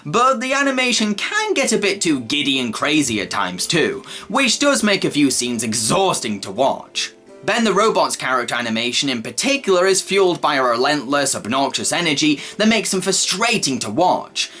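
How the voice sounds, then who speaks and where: A man's voice: a little high, very animated, moderate pace, bright, forceful tone. A man narrating a scripted film review. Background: faint background music.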